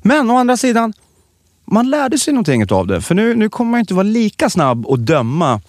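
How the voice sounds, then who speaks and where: Lively man telling a story. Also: sits high, no echo, clean studio sound. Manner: animated storytelling, many restarts. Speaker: podcast co-host. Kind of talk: casual chat.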